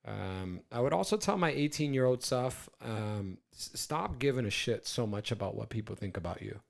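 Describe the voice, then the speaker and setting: A man's voice: medium pitch, lively intonation, normal speed, creaky. A man in his forties co-hosting a podcast in casual chat, rambling and stammering with plenty of swearing. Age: 40s. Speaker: podcast co-host.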